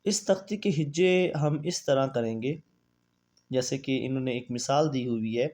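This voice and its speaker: A man gives a Quran reading lesson in a medium-pitched, darkish voice. He chants out the spelling of Arabic letters, alternates this with brisk explanations, and poses questions he then answers himself.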